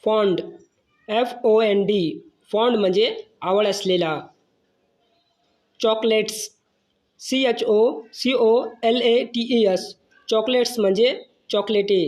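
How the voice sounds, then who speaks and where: Slow, measured vocabulary teacher. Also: medium pitch, a little mellow. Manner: slow, measured, spells each word then gives its meaning. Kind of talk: slow vocabulary lesson, spelling words letter by letter.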